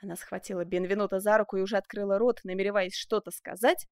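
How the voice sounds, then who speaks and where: A woman narrating a historical novel in an even, expressive reading. Her voice is mid-pitched, recorded close on a dry studio mic. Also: fast, smooth, dry recording. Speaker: audiobook narrator. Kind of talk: scripted literary narration.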